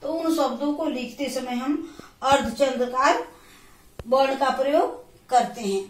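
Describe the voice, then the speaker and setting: Woman teacher, high voice, patient and repetitive, echoey room with the mic set far away. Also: a little slow. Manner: patient, repetitive explaining with examples. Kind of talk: Hindi grammar lesson. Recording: roomy echo, voice from a distance.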